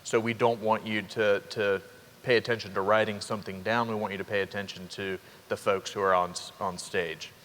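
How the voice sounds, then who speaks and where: A young man speaks into a handheld microphone, welcoming new students and parents as a college dean. His voice sits fairly low and he keeps an upbeat tone with quick asides to the room. The sound carries a long hall reverb over a faint murmur. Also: level tone, a bit bright, a little hiss or hum. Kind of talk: orientation welcome speech. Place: large hall.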